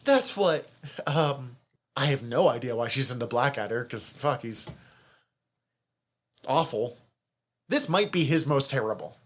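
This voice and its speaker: A man's voice: medium pitch, animated, a little slow, long pauses, fairly bright tone. A man co-hosting a podcast, chatting casually about a TV series, swearing freely and laughing often. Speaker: podcast co-host. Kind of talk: casual review chat.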